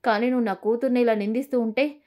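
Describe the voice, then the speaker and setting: A woman's voice: fairly high pitch, fairly even intonation, fast, darkish tone, lightly acted. A woman voicing a stern middle-aged mother who indignantly defends her daughter. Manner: scolding, indignant.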